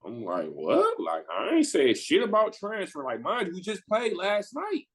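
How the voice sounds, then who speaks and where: A man's voice: high-pitched, normal speed, husky, rough recording. A man in his twenties from the Midwest US, a podcast guest telling his story in loose, slangy talk and acting out what people said. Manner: animated, slangy storyteller who acts out quoted people. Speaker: podcast guest, pro basketball player. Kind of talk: casual storytelling interview.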